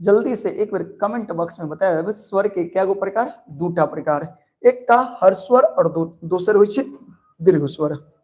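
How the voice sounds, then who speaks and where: A man with a Maithili accent teaching grammar for an exam, drilling students with quick questions and answering them himself. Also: sits high. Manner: lively, calls students pet names. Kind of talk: online exam-prep grammar lesson.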